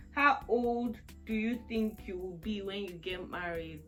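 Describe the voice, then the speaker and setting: A vlogger in her twenties chats through a casual Q&A, rambling and laughing a lot. Her mid-range voice moves slowly, with music playing underneath.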